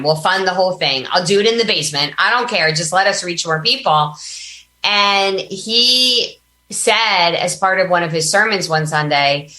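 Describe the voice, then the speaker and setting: On a podcast, a female American business coach recounts personal experiences in a casual, emphatic interview style. Her lowish voice sounds pushed and bright, captured in a low-quality recording from an echoey room.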